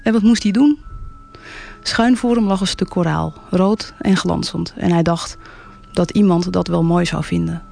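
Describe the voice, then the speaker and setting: A storyteller reading a tale aloud for radio, gentle and unhurried. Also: mid-range voice, steady tone, vocal fry. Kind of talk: calm storybook narration on radio.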